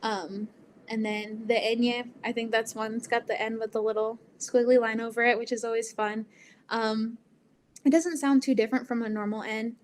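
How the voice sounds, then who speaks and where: Her voice is a little high and steady, at a moderate pace, with a slight hiss or hum. She's presenting Spanish pronunciation basics online in a relaxed, chatty style, often saying um and like and laughing.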